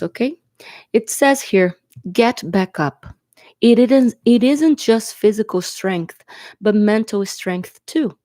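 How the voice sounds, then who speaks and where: Sitting at a table indoors, a tarot reader chats her way through a casual reading to camera, sniffling and coughing as if from a cold or allergies. Her first language is Portuguese. Her voice is medium in pitch and dark in tone, captured as clean studio sound with no room noise, and she keeps reassuring the viewer with a frequent "okay?".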